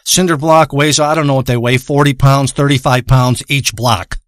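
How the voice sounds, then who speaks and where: A man telling a crude, rambling comic story with deadpan tangents and heavy profanity. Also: medium pitch, normal speed, no echo, studio quality. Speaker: comedic storyteller.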